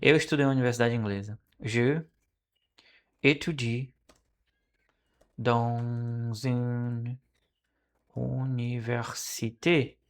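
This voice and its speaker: A Brazilian Portuguese speaking man studying French aloud, repeating phrases slowly and correcting himself as he goes. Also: mid-range voice, steady tone, clean tone. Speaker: language learner streaming his study. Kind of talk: casual study vlog, thinking aloud.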